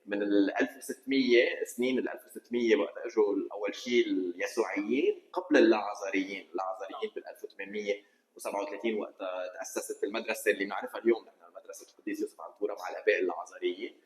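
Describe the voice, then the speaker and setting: Rapid-fire Lebanese man, roomy sound. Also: on the low side. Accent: Lebanese Arabic. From Lebanon, Kesrouan. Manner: fast, detailed, eager explaining. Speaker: podcast guest, engineer. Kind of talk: casual interview conversation. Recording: roomy studio echo.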